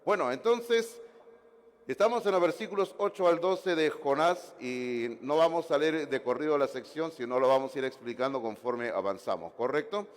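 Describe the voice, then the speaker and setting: A man preaching a sermon as pastor, animated, with asides and jokes to the congregation. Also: on the high side, moderate pace, in a large hall. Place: church sanctuary.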